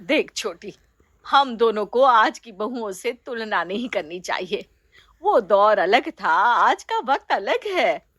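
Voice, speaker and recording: A woman's voice: on the high side, sing-song, takes it slowly, fairly bright tone, no room sound, clean studio sound, heavily acted. Kindly, patient mother-in-law, as a woman plays her. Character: kind, open-minded middle-aged mother-in-law. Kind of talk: storybook voice acting.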